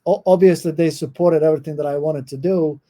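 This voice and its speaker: Croatian-accented man, dark mellow voice. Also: on the high side, fairly even intonation, fast talker. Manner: thoughtful, with many fillers and restarts. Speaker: guest professor. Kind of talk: podcast interview.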